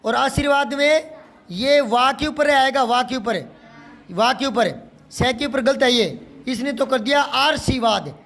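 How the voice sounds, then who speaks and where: A male Hindi teacher with a strikingly high voice works through exercises. He quizzes his students and patiently repeats each correction until it sticks. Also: unhurried, fairly bright tone. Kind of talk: classroom lesson explaining a workbook.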